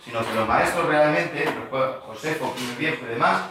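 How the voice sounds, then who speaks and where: A man's voice: mid-range voice, a little fast, a crowd in the background. A male pastor giving a Bible study lesson, explaining words and quizzing his listeners. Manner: explanatory, asks the audience questions. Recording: very echoey room.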